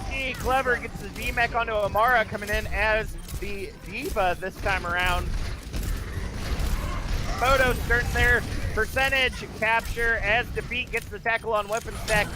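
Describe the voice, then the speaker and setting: A man calling live esports action as play-by-play caster, fast and excited. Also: sits high, noisy background.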